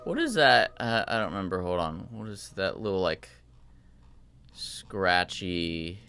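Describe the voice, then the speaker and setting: A man's voice: deep voice, very animated, a little slow, gravelly, a little hiss or hum. A man casually walking through his own mix in a tutorial, thinking aloud in a loose, rambling way. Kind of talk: casual screen-share tutorial. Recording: voice over loud music playback.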